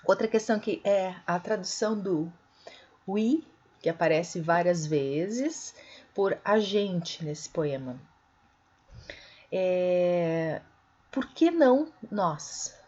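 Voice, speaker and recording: A woman teaching an online literature class, explaining slowly, with many fillers and corrections. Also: lowish voice, lively intonation, a little mellow, lo-fi sound. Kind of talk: online lecture.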